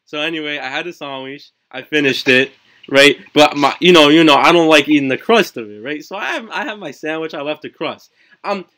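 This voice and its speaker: A teenage boy hosts a live stream podcast and tells a story in loose, excitable chat. He swears often and keeps tagging his lines with "right?". His voice sits on the high side and sounds bright and forceful, picked up by a home stream mic with glitchy audio. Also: brisk. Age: teens. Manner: profane, excitable, with constant fillers and "right?" tags. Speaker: livestream podcast host.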